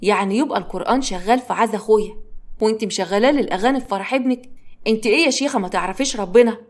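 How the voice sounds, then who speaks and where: A woman's voice: medium pitch, rapid-fire, natural voice. A woman with an Egyptian accent voicing an indignant, grieving man. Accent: Egyptian Arabic.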